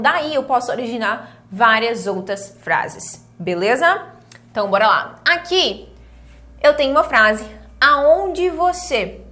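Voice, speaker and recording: A Brazilian woman, a native Portuguese speaker, teaching an online English lesson, saying English phrases slowly and often checking that her students follow. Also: medium pitch, a bit bright. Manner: slow drilled English phrases between brisk explanations; coaxing, checks in with the class often.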